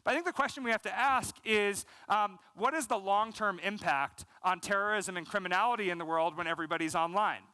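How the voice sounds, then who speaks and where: This American man in his thirties keynotes a conference from a big stage, his high, smooth voice fairly quick with few pauses. He stays fluent while saying "um" and "you know" a lot, gesturing with energy. The headset mic produces a dry recording.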